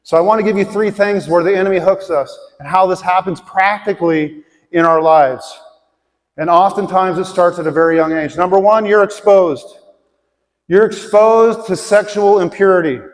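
A man's voice: high-pitched, fairly even intonation, moderate pace. A middle-aged man preaching a conversational sermon to a congregation in a large church auditorium, asking them direct questions. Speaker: pastor. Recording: long hall reverb.

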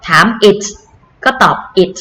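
Patient, slow-talking woman teacher. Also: a bit bright. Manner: patient, repetitive explaining with polite particles. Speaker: English teacher. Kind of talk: online lesson for children.

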